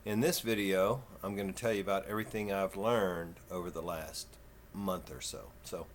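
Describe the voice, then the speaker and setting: A man in his fifties with a Texan southern twang, talking slow and folksy in a rambling, casual vlog. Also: low-pitched, fairly even intonation, slight background noise. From Texas. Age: 50s. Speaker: vlogger.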